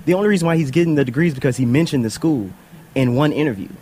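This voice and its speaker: A man's voice: a little high, racing, a little mellow, slight background noise. A man giving an entertainment update on a radio talk show in a wry, matter-of-fact way. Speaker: entertainment reporter. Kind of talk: casual talk radio chat.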